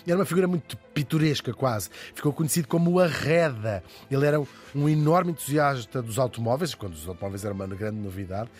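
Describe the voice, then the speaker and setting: A man with a European Portuguese accent tells a history story at a brisk clip, chatty and full of playful asides. His voice sits at an ordinary pitch. Faint music plays beneath him. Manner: lively, chatty, jokey asides. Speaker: podcast host.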